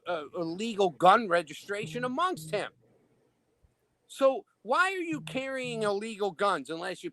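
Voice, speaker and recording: A man's voice: high voice, a bit bright, no room sound. A man who hosts his own show, talking in an emphatic, indignant way in a heated political discussion. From Illinois. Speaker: show host.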